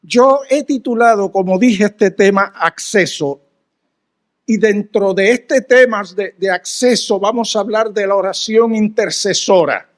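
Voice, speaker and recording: A man preaching a sermon, telling a story in an animated way, with pauses and repeated words. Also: high voice. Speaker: guest preacher.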